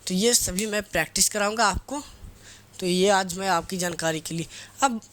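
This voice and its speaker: A man's voice: high voice, moderate pace, a bit bright. Man teaching grammar, repeats key words, asks and answers himself, teasing tone. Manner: casual, teasing scolding of students. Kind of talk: grammar lesson on a whiteboard.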